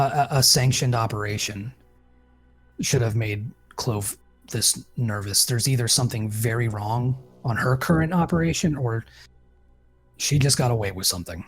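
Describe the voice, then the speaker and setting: Game master narrating a tabletop horror game: man, husky voice, slow and deliberate, faint music behind. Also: mid-range voice.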